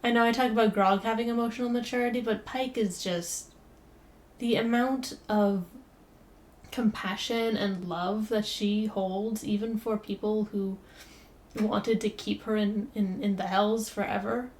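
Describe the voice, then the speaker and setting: A woman's voice: mid-range voice, fairly even intonation, measured pace, darkish tone. A woman hosting a reaction video, talking in a casual, emotional, rambling way with stammered restarts.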